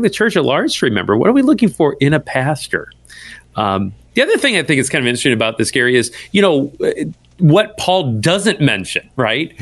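A man's voice: medium pitch, no room sound. A man speaking as a pastor and radio guest, conversational and good-humored as he explains things. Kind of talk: conversational Bible teaching on radio.

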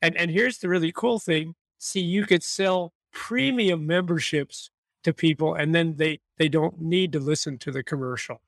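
A man's voice: a little high, normal speed, vocal fry, no room sound. A man co-hosting a casual podcast, playful and joking, laughing at his own quips. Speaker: podcast co-host. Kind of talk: casual chat.

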